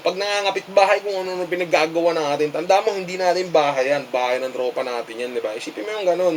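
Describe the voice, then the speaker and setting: High-voiced scolding man. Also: a little hiss or hum. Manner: scolding, preachy, repeats "di ba?". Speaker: vlogger giving advice. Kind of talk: casual advice monologue.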